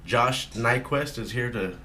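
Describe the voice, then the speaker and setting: A man's voice: mid-range voice, slow pace, sharp tone, slight background noise. A man hosting a podcast, chatting casually with a guest and backing him up with easygoing short reactions. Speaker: podcast host. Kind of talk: casual interview chat.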